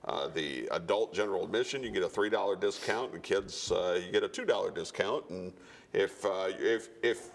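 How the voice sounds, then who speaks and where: A man with a fairly low voice hosts a wrestling programme. He talks informally and conversationally, in the manner of a promoter addressing fans. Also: vocal fry. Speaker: wrestling show host. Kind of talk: casual promotional studio-style presenting.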